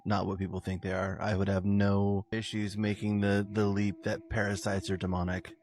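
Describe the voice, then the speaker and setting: A man with a somewhat low voice, talking things through in a casual podcast-style conversation. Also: little pitch movement, moderate pace, darkish tone.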